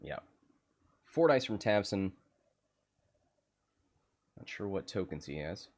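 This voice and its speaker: A man doing casual game commentary on a livestream, laughing often and getting excited. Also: deep voice, slow.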